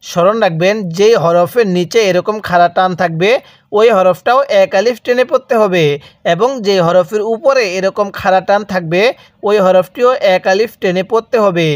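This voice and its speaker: Recorded at studio quality with no echo, a Bangladeshi man whose voice sits high walks a learner through Quran reading. He pronounces each syllable in a slow, drawn-out way, repeats it, and prompts the student to recite along.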